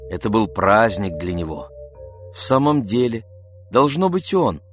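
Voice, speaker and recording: A man slowly reading a classic novel aloud as narrator, in a measured, even way. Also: on the low side, music in the background. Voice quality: slow, measured delivery. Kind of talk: audiobook reading.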